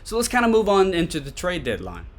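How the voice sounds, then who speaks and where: Higher-voiced man. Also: wildly swooping pitch, fast talker. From Tennessee, USA. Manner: conversational, repeats points for emphasis. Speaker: sports podcast host. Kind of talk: casual solo sports commentary.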